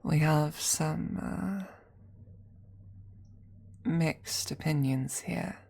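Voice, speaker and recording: A young adult woman streaming, chatting casually and thinking out loud as she plans a role-play with her chat, laughing often and swearing freely. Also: sits low, very slow, gravelly, breathy edge. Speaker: ASMR streamer.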